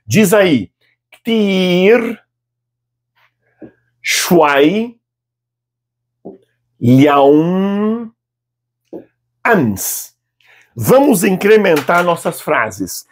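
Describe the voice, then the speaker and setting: A man in his fifties with a Brazilian Portuguese accent, teaching a video language lesson and patiently saying model phrases slowly for students to repeat aloud. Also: a little high, slightly rough. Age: 50s. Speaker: Arabic teacher.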